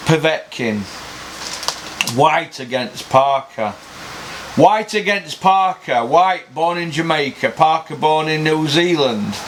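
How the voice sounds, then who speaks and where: On his own boxing talk show, a male pundit rants with a higher, somewhat bright voice against slight background noise. His casual, opinionated delivery is blunt, packed with curses and rhetorical questions.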